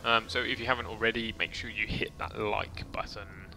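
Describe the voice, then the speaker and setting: A man's voice: lowish voice, steady tone, moderate pace, vocal fry, sharp tone, soft background music. A man casually rambling through a game stream, chatting to viewers with mild swearing. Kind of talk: casual gameplay commentary.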